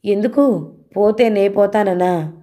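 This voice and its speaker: A woman's voice: medium pitch, slow pace, warm tone, natural voice. A woman voicing a blunt young female office worker who asks teasing, probing questions.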